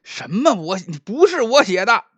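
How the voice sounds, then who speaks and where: A man's voice: sits high, animated, a little fast, no echo, voice pushed up. A male storyteller voicing a frightened old-style county magistrate. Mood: scared. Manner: shaky, alarmed exclamations.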